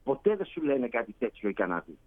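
A man's voice: medium pitch, big pitch swings, phone-quality sound. A man from Greece chatting casually, telling stories and acting out quoted dialogue. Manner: storytelling, acts out quoted dialogue. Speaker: guest, Greek living in Canada. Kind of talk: casual chat.

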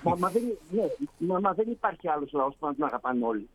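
A Greek man living in Canada, appearing as a guest, chats casually and tells stories, acting out the dialogue he quotes. His voice is on the high side and very animated, though the recording quality is low.

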